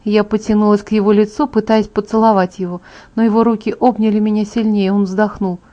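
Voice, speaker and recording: A woman narrating a first-person audiobook in an even, intimate storytelling voice. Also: mid-range voice, brisk. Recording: dull lo-fi audiobook MP3.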